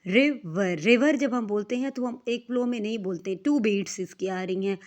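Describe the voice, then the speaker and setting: A woman's voice: fairly high pitch, steady tone, a little mellow, highs cut off. A woman from Pakistan teaching a class, patiently repeating words and counting aloud. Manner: patient, repeats and counts aloud, reads English lines slowly. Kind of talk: classroom lesson explanation.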